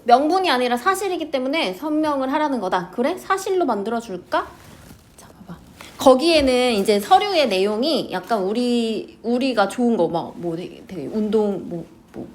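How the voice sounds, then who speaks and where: Young female teacher, casual chatty lesson delivery, higher-pitched. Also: slight background noise. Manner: chatty, fills with "like" words. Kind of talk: high school literature lesson.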